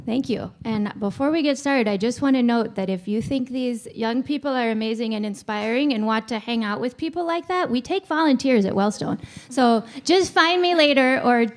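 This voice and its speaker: A woman's voice: fairly high pitch, normal speed, few pauses. A woman moderating a church panel discussion, speaking in a friendly, chatty way with small self-aware asides. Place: church hall. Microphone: handheld microphone.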